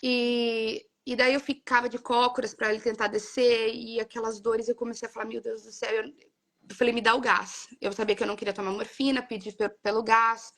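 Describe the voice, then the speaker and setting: A woman's voice: on the high side, level tone, brisk, fairly bright tone. A young adult woman, earnestly recounting a personal story in casual conversation. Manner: earnest, emotional retelling with many quoted exchanges. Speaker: guest sharing her birth story.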